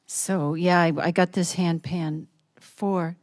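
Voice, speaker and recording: A woman musician calmly introducing a song, gentle and reflective, softly trailing off. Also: fairly low pitch, slow, no room sound. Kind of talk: calm spoken song introduction.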